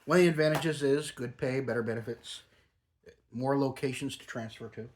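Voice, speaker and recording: A man's voice: medium pitch, moderate pace, a little mellow. A middle-aged or older man chatting casually and rambling like a home reviewer, talking with a lip full of dip. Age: middle-aged or older, a grandfather. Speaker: product reviewer.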